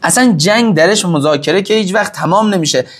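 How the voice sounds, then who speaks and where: A man giving impassioned talk to an audience, answering their questions, repeating phrases for stress and swinging between loud emphasis and hushed asides. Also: sits high. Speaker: religious-political speaker answering audience questions.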